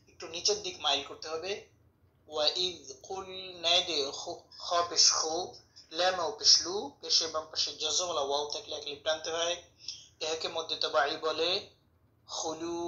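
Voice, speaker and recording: A man's voice: a little high, bright, forceful tone. Man teaching Quran recitation, echoey room. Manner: slow, methodical spelling of syllables, drawn-out chanted recitation. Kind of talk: tajweed lesson, spelling out letters and vowels. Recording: echoey room, dull lo-fi sound.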